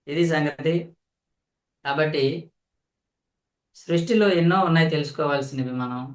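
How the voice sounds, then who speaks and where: A man leads a spiritual discourse as the teacher. His voice sits a little high, and he speaks straight to his listeners, repeating phrases to drive each point home. The recording carries a noticeable room echo. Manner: explains slowly with repetition; addresses listeners directly.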